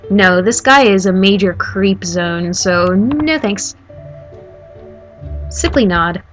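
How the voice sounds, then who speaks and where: A woman reads a story game aloud as its heroine, slipping into animated, sarcastic asides to her viewers. Her voice sits in an average register, and faint game music runs underneath. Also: medium pitch, takes it slowly. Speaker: game streamer.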